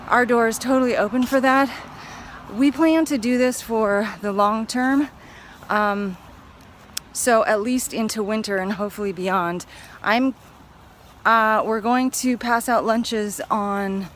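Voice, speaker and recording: Woman vlogger walking outdoors, casual upbeat chatter, a bit winded, light traffic noise. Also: on the high side. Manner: chatty, upbeat, rambling with fillers. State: slightly out of breath. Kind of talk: casual vlog chat. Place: outdoors on a walk.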